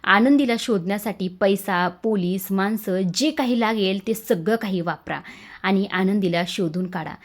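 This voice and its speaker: A woman's voice: mid-range voice, a little slow, natural voice. A woman voicing a worried but commanding male head of a household in a TV serial recap. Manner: firm and commanding.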